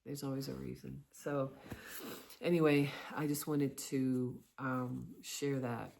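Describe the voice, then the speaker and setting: Slow-talking middle-aged woman sharing personally. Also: extremely low pitch, little pitch movement, vocal fry, a little mellow. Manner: halting, reflective, pausing often between short phrases. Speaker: vlogger sharing personal experiences. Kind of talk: confessional personal monologue.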